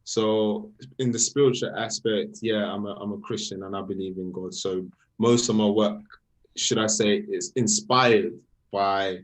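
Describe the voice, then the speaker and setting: A young man from Sweden, a guest artist talking about his work in a casual interview, halting and repeating words as he explains. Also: on the low side, steady tone.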